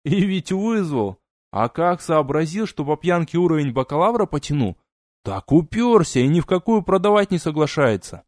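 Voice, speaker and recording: A man's voice: on the high side, sing-song, moderate pace, darkish tone, no room sound, studio quality, voice pushed up. A man voicing a drunk young male student gossiping with scorn. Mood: scornful.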